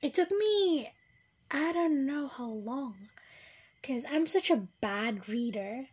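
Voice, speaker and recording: A woman's voice: high voice, lively intonation, slow pace. A young woman hosting her own podcast, chatting casually and rambling in a self-deprecating way, sometimes dropping to a whisper. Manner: rambling, self-deprecating, drifting between whispers and louder bursts. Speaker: podcast host. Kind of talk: casual solo podcast chat.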